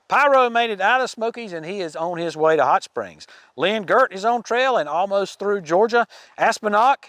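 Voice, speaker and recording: A man's voice: high voice, fairly bright tone, clean tone, dry recording, studio quality. Folksy man giving casual trail news. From United States. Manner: folksy, chatty, with fillers and restarts. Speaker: podcast host. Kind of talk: casual hiker news update.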